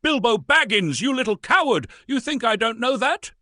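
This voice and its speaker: A man's voice: extremely high pitch, animated, normal speed, sharp tone, no echo, clean studio sound, pitched above the performer's own voice, heavily acted. A man voicing a furious, bullying old male wizard in a storybook reading, scolding in a raised, roaring voice.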